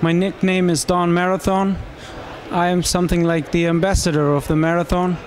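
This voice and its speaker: Being interviewed in English, this marathon runner from Romania, in his thirties, speaks high-pitched and level-toned into a handheld mic in a small room. He phrases things haltingly and often starts over.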